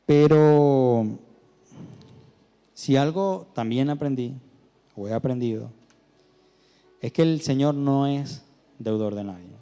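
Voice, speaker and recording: Guy preaching in church, chatty stories then big emphatic bits, warm tone, echoey hall. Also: medium pitch, slow pace, long pauses, clean tone. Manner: conversational storytelling with rising emphatic peaks. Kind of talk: sermon.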